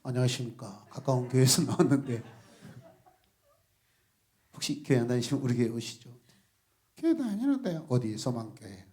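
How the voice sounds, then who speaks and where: A male pastor preaching an animated sermon, shifting between soft asides, laughter and sudden shouts as he calls out to the congregation. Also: mid-range voice, normal speed, long pauses. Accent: Gwangju.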